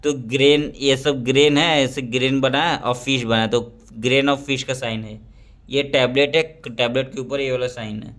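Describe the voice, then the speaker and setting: A teacher with an ordinary mid-pitched, steady, fairly bright voice gives an exam prep history lecture, explaining step by step. He asks questions and answers them himself, slipping in "ठीक है" between points. He reads English textbook lines slowly and points at pictures while explaining.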